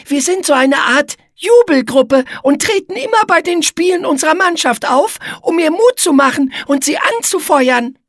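A woman's voice: very high-pitched, expressive, moderate pace, few pauses, dry recording, clean studio sound, voice pushed up. A woman voicing a prim, easily offended young female spider in a storybook reading. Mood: eager.

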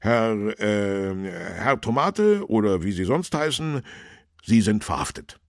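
A man's voice: lowish voice, takes it slowly, gravelly, no echo, studio quality, pitched above the performer's own voice, exaggerated voice. A man voicing an eager, dutiful male village policeman in a somewhat raised, earnest voice. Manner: excited, earnest, a little raised.

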